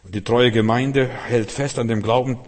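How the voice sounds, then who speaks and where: A male pastor, preaching a sermon and rising loud on key phrases. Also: medium pitch, steady tone, normal speed. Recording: long hall reverb.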